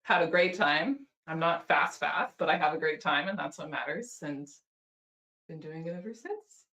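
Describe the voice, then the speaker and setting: A woman's voice: low voice, moderate pace, sharp tone, echoey room, highs cut off. A woman from California, a guest speed puzzler, chatting upbeat on a video call. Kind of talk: casual video call chat.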